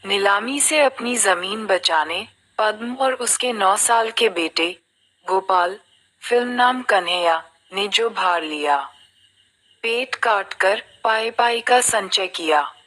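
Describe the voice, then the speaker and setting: A woman's voice: medium pitch, slow, fairly bright tone, poor audio. A woman narrating a film review in a reflective, storytelling manner.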